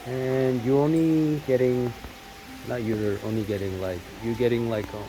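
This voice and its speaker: Steady rain and music sit in the background of this poor-quality audio, in which a man speaks unhurriedly at medium pitch. He's a vlogger born in South Korea, a native Korean speaker, chatting to camera in a rambling way full of fillers and self-corrections.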